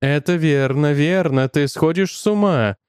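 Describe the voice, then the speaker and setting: A man voicing a stern, mocking inner voice that urges a troubled man toward violence, speaking low and slow. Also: a little mellow, clean tone, no echo, studio quality, natural voice. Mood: goading. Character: stern menacing inner voice, male, urging violence.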